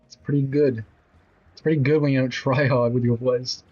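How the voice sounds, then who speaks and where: A man's voice: mid-range voice, fairly even intonation, moderate pace, a little mellow, muffled recording, soft background music. A man in his twenties streaming a video game, talking casually with blunt, rambling commentary and casual swearing. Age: 20s.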